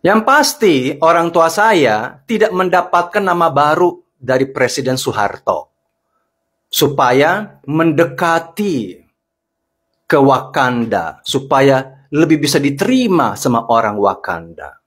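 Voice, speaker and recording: A man's voice: on the high side, animated, slow pace, a bit bright, breathy edge. A middle-aged man delivering a sarcastic, indignant monologue rebutting critics of him online. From Indonesia. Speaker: social media commentator.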